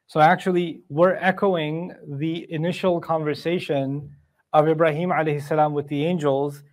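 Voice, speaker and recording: A man's voice: on the high side, darkish tone. A man giving a Quran commentary lesson, reciting Arabic verses and explaining them in English in a conversational way, with rhetorical questions. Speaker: Quran teacher.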